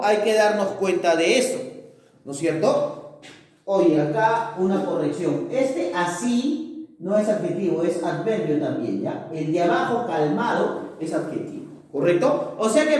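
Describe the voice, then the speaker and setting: A man's voice: high-pitched, a little mellow, far from the mic. A male teacher giving a grammar lesson, checking in with his students after nearly every point. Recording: echoey room, voice off-mic.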